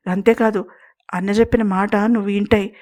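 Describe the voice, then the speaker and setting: A woman's voice: medium pitch, steady tone, normal speed, darkish tone, close to an everyday voice. Lady playing a mean gang boss, curt threats. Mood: menacing. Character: harsh male gang boss, menacing.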